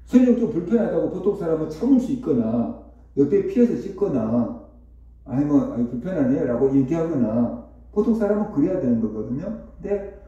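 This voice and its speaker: A man preaching a conversational sermon as pastor, telling a story with rhetorical questions and lively repetition. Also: a little high, normal speed. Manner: repetitive, animated retelling. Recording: echoey hall, distant dull mic.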